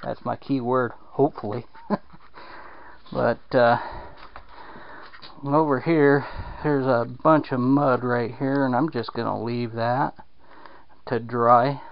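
A man's voice: medium pitch, fairly even intonation, takes it slowly, creaky, long pauses, a little hiss or hum. A man casually rambling with plenty of fillers while filming a home repair walkthrough in a damp basement on a handheld camera. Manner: rambling, drawling, lots of fillers. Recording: dull lo-fi camera audio.

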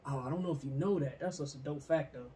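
Young male podcast co-host, slightly high-pitched, informal and sweary, faint room noise. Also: fast talker, warm tone. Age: young adult. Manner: informal, slangy, profane. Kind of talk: casual banter, trivia quiz. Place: small indoor room at a table. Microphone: shared podcast microphone on table.

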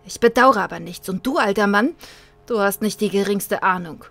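A woman's voice: mid-range voice, steady tone, brisk, natural voice. Young male nomad on the run, defiant, a woman reading him in her own voice, game story. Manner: stammering, then rebellious.

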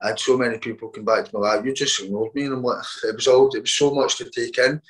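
A man, a boxer, telling his story in a casual interview, halting and repeating words as he quotes what others said. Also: medium pitch, fairly even intonation, rough recording.

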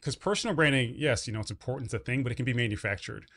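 A man hosting an interview podcast, speaking close to a broadcast mic at his home studio desk. His voice sits at an ordinary middle pitch. He talks in a measured, reflective way as he sums up his guest's ideas. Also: gravelly, a bit bright. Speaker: podcast host. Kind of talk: conversational interview. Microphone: studio podcast mic on boom arm, headphones.

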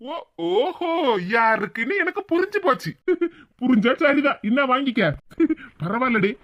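Cartoon: comic village brothers-in-law, very high, melodramatic banter, Tirunelveli Tamil, lo-fi audio. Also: male voice. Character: two bantering young village men, brothers-in-law and friends. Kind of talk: cartoon voice acting. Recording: dull lo-fi sound.

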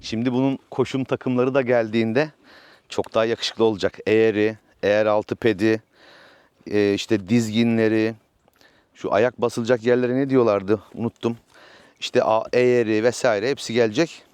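A man's voice: on the low side, steady tone, moderate pace, darkish tone, smooth, no echo. A man vlogging outdoors from his village farm, chatting casually about his new horse and coaxing it along. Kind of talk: casual vlog narration.

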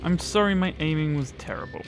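A man chats over his own video game play, cursing freely and poking fun at his mistakes. His voice sits a little high for a man. Faint game music plays behind him. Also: a little fast. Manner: sweary, self-mocking, talks to game characters. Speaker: gamer. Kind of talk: let's play commentary.

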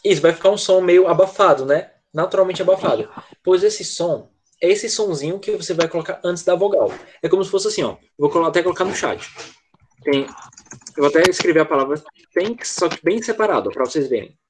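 A man with a high, expressive voice gives a brisk online English lesson by video call, patiently working through pronunciation and asking "tá?" after each point. The background is noisy.

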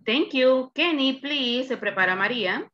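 A woman teaching an English class over a video call, modeling words slowly and carefully. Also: high-pitched, expressive, fairly bright tone, highs cut off.

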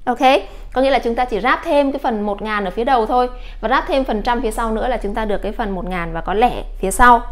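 A woman English teacher from Vietnam giving a patient lesson, slowly modeling English words for her students. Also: a little high. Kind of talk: classroom lesson.

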